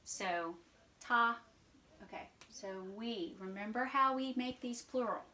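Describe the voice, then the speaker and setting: A woman's voice: on the high side, takes it slowly, sharp tone. A woman teaching a beginner Mandarin lesson from home, patient and repetitive as she drills words aloud. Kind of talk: informal online language lesson. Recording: echoey room, voice a bit far from mic.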